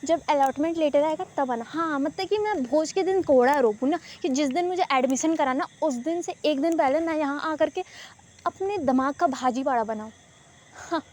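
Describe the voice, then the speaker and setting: A young woman telling a sarcastic, ranting storytime vlog, dropping English words in. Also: high-pitched. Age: young adult. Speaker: vlogger.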